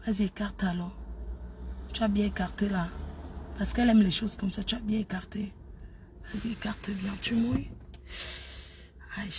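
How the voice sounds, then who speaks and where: A woman playing a sultry lover on the phone, in a whispered role-play that is soft, breathy and coaxing. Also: mid-range voice, slight background noise.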